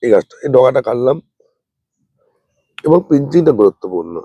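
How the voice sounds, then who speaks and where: A man, unwell, giving a slow, plain, repetitive gardening demonstration as a channel host. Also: mid-range voice, very animated, no room sound, muffled recording. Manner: speaks slowly and plainly, repeating points.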